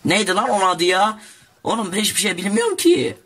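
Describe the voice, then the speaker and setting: Teen boy yapping over his game, jokey and hyped, bright punchy voice. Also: sits high, brisk, breathy edge. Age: teens. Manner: excitable, jokey, talks to viewers as "arkadaşlar". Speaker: gaming YouTuber. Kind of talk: casual gameplay commentary.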